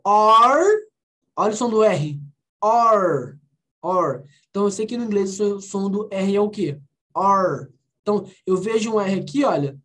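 A woman with a Brazilian accent runs an online English lesson over a computer mic. Her voice is soft and breathy, and she drills each word slowly and patiently. She sits at a mid pitch that is typical for a woman. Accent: Brazilian Portuguese. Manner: patient, repeats words slowly to model pronunciation. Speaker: English teacher. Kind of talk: online language class. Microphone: computer mic on a video call.

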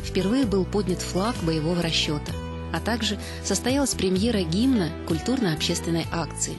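A woman reads a scripted TV news report in a slightly low voice. Music plays clearly behind her narration. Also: expressive, normal speed.

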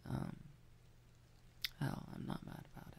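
A half-asleep man talking softly to his partner in an ASMR roleplay, often dropping to a whisper. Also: takes it slowly. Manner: soft, sleepy, often whispered. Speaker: boyfriend roleplay speaker.

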